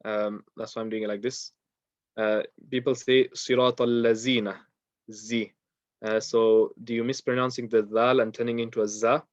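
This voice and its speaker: A man's voice: lowish voice, little pitch movement, moderate pace, no echo, lo-fi sound. A man teaching a beginners' recitation lesson, explaining pronunciation patiently and step by step, with frequent ums and uhs.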